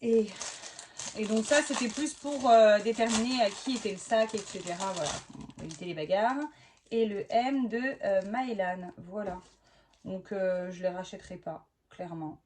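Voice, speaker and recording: A woman's voice: mid-range voice, moderate pace, darkish tone. A woman in her thirties chatting casually as she unboxes a haul for her family vlog, exclaiming and restarting often. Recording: mic at a distance with clear background noise.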